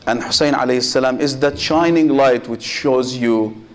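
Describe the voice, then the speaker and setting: Speaking directly to the congregation, this man, a sheikh, gives a Muharram sermon in brief, deliberate phrases broken by pauses. His voice sits in the middle range, and he weaves Arabic religious expressions into English while posing rhetorical questions.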